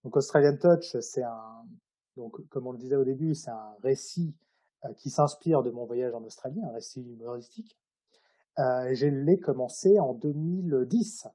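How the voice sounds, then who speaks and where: Man, husky, soft-edged timbre, informal, hesitant, explanatory, author in a casual interview. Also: medium pitch, normal speed. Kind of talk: casual interview, telling anecdotes about his own writing.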